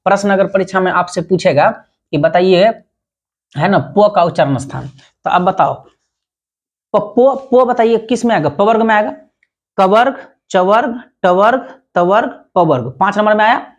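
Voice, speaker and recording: A man's voice: high voice, normal speed, muffled recording. A man teaching a grammar lesson, reciting lists of terms and asking rhetorical questions. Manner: repetitive, drills terms aloud with rhetorical questions.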